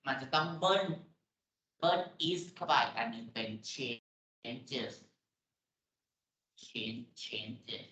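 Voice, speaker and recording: With a Thai accent, a man teaches English pronunciation in a lecture, patiently explaining and repeating words. His mid-range voice is bright and forceful, captured as dull lo-fi audio in an echoey room.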